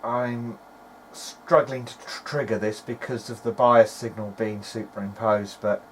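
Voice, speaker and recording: A hobbyist electronics repairer tries out equipment while giving a hesitant, informal diary-style narration, thinking aloud. His voice is lowish, steady and unhurried, and the amateur recording is noisy.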